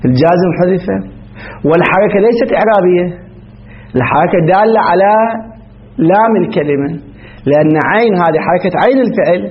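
A man's voice: high voice, lively intonation, fairly quick, pauses often. A man teaching a classical grammar lesson, explaining step by step and quizzing his students with questions. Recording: dull lo-fi recording.

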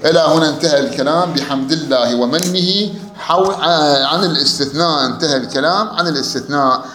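A man with an Iraqi accent teaching a grammar lecture, chanting quoted verse slowly and quizzing listeners with rhetorical questions. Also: fairly high pitch, sharp tone, slight background noise. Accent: Iraqi Arabic. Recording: echoey room.

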